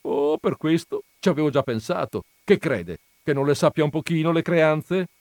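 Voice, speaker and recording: A man's voice: on the high side, normal speed, darkish tone, dry recording, voice pushed up, lightly acted. An artless, outspoken peasant mother, as a man voices her in a storybook reading, plaintive and unguarded, her voice a little raised. The sound is close and dry.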